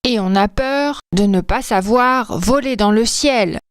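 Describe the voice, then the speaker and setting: A woman voicing a nervous, gentle male moose in a storybook tale, speaking slowly and earnestly. She reads in a dry, close room. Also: fairly high pitch, no room sound, lightly acted. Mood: worried.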